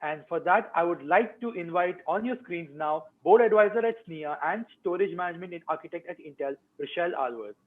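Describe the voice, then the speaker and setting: A man's voice: high-pitched, animated, fairly quick, hardly any pauses. A man hosting an online conference, reading a scripted introduction of the next keynote speaker. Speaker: event host introducing speaker. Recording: tinny phone-like line.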